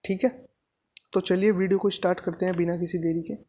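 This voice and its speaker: A woman's voice: fairly low pitch, steady tone, a little fast, dark tone, slightly rough. A woman teaching a grammar lesson to exam students, explaining step by step and answering her own questions. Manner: repeats points with frequent "thik hai" checks.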